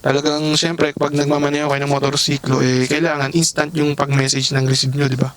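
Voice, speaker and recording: In a brisk, chatty unboxing and review of a cheap helmet intercom, a man speaks to his viewers directly and calls them bosses. His voice is on the high side and fairly bright, with little pitch movement. He is picked up by a camera mic, occasionally via the intercom earpiece.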